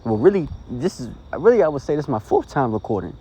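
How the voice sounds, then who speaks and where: A man preaches straight into a phone in an informal, earnest style, circling back and checking in with "okay?" as he goes. His voice sits at a middle pitch with a dark, mellow tone. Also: big pitch swings, quick pace, breathy edge. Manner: earnest, rambling, many "you know" and "okay?" tags. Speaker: street preacher. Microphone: phone recording.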